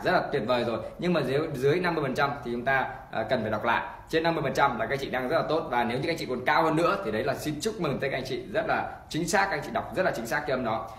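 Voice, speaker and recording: A man teaching an online pronunciation lesson, repeating example words slowly and encouraging learners. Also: on the high side, fairly bright tone. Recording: echoey room.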